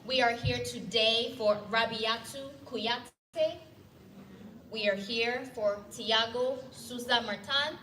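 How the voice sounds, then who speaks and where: A woman's voice: a little high, slow pace, bright, forceful tone. Woman, rally speech, rousing call-and-response, distant mic, noisy echoing hall. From Ghana. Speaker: rally speaker, legal director.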